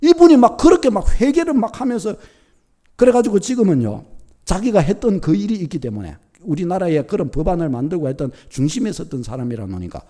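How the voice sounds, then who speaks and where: A middle-aged man preaching a sermon as pastor, telling a story with lively acted-out quotes. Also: high voice, brisk. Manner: animated storytelling, acting out quoted thoughts.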